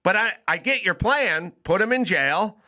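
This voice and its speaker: A middle-aged man with a bright, forceful voice pitched a little high holds forth on a podcast. He argues in a comedic rant and plays out both sides of imagined back-and-forths. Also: animated, measured pace. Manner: argumentative, acts out both sides of imagined exchanges. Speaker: podcast host.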